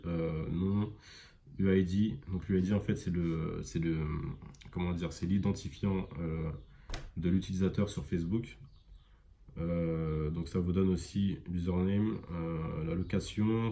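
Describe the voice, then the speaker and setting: A man giving a casual screen-recorded software tutorial, rambling with many fillers and self-corrections. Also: low voice, a little hiss or hum. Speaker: e-commerce tutorial presenter.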